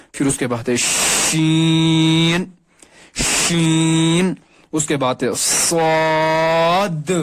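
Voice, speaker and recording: A man teaching a Quran reading lesson, slowly drawing out and repeating each letter sound and correcting common mispronunciations. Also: a little high. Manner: corrective, explaining pronunciation.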